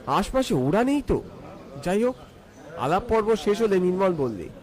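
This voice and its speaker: A man's voice: high voice, big pitch swings, moderate pace, darkish tone. A man narrating a scripted first-person ghost story in a theatrical, suspenseful way.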